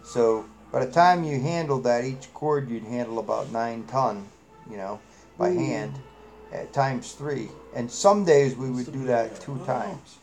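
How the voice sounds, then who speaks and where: A man's voice: mid-range voice, unhurried, darkish tone. A middle-aged man with a New England accent, hosting a live chat and telling rambling, salty, folksy stories full of fillers. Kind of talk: casual storytelling chat.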